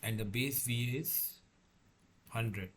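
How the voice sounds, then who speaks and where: A man lecturing as a tutor, working through a problem step by step in a halting way, repeating and correcting himself. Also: mid-range voice, fairly bright tone, slight background noise. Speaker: engineering tutor.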